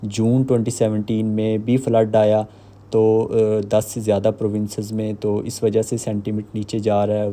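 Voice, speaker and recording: Guy walking thru software on screen, super deep dark tone, explains step by step. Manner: steady step-by-step explaining with filler pauses. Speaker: software tutorial host. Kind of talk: screen-recorded software walkthrough.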